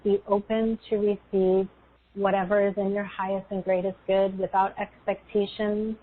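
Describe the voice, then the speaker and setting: A woman speaks as a spiritual meditation guide, soothing and unhurried. Her pitch stays level and her phrases come slowly, with pauses between them. The sound is thin and narrow, like a phone call. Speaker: guest energy healer leading a guided meditation. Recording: tinny, phone-like call audio.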